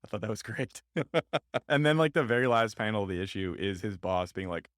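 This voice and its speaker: A man co-hosting a casual podcast, retelling comic scenes in an animated way with lots of "like". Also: fairly low pitch, no echo, clean studio sound. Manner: quick, animated retelling with many "like"s and laughs. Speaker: podcast co-host. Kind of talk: casual chat about comics.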